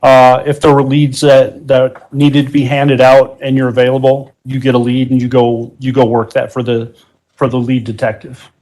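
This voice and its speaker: A man giving courtroom testimony as a police detective, polite and formal, with hesitant, halting answers. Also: medium pitch, completely flat delivery, darkish tone, rough recording.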